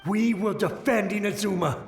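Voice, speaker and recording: An actor playing a desperate, wounded soldier who pleads urgently. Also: male voice, high voice, moderate pace, soft background music, close to an everyday voice. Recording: echoey reverberant space.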